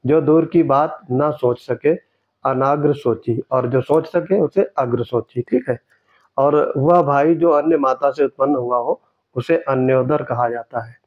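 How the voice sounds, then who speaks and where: Man, exam tutor, steady explaining voice, repeats key words, slightly dull lo-fi sound. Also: mid-range voice, measured pace. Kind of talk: explaining test answers.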